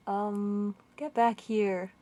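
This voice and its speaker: A woman's voice: mid-range voice, dark tone. A woman playing through a game walkthrough, thinking aloud and muttering confused questions as she goes. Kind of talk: casual gameplay commentary.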